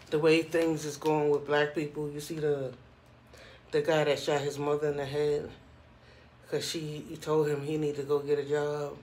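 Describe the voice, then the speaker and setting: A man's voice: fairly high pitch, a little mellow, slight background noise. A middle-aged man giving casual, rambling commentary as a vlogger in informal street slang. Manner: informal street slang, repeats "you know what I'm saying".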